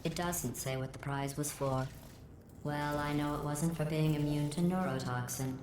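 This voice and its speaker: A woman voicing a cold, sarcastic female AI overseer, with a deadpan, passive-aggressive manner and a synthetic processed sound. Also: low voice, moderate pace. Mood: mocking. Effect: synthetic computer voice processing. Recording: roomy game audio with heavy background noise.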